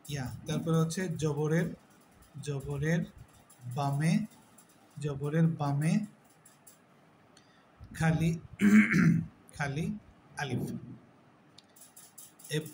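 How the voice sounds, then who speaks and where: A man teaching Quran recitation rules step by step, slowly repeating each word and answering his own questions. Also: fairly high pitch, a little mellow, a little hiss or hum. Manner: repeats words slowly, asks and answers himself. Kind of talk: slow step-by-step lesson.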